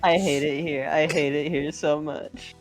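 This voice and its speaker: A woman's voice: low-pitched, fairly even intonation, unhurried, music in the background. A woman streamer who reads game dialogue aloud expressively and chats casually between the lines.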